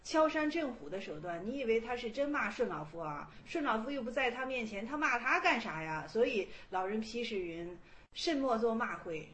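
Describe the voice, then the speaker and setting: Lively, high-voiced woman teaching Zen. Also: brisk, hardly any pauses, a little hiss or hum. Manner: chatty, rhetorical questions, acts out quotes. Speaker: teacher of Chan Buddhist texts. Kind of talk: colloquial lecture.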